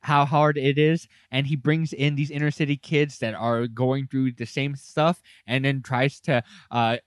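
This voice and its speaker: A man's voice: medium pitch, level tone, a little slow, clean tone, no room sound, studio quality. A man co-hosting a casual movie podcast, earnest and stumbling on his words. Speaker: podcast co-host. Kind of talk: casual movie review chat.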